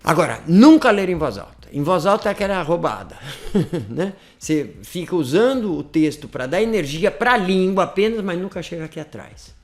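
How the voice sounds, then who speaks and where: A man's voice: sits high, expressive, normal speed. A man giving a casual, chatty language lesson, repeating phrases to demonstrate. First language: Portuguese. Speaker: language teacher.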